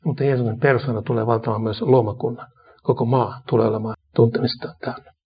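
A man preaching a sermon and leading a slow, repetitive prayer. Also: medium pitch, fairly even intonation, husky. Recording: dull lo-fi recording.

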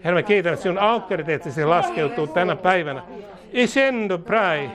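A man's voice: a little high, crowd noise. A man preaching a charismatic sermon, declaring against demons and fear, then leading the congregation in a prayer they repeat line by line. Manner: declaring, repeating lines for the congregation to echo, speaking in tongues. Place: church service before a congregation.

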